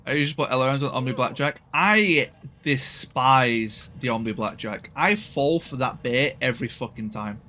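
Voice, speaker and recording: A man's voice: mid-range voice, normal speed, bright, forceful tone, a little hiss or hum. A man casually commenting while playing a strategy game, thinking aloud and swearing now and then.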